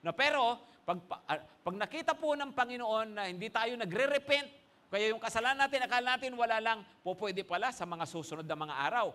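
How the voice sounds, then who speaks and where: A man preaching a sermon as pastor, joking with the congregation and getting them to answer back aloud. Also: sits high. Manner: lively call-and-response preaching, mixing Tagalog and English; jokey and conversational.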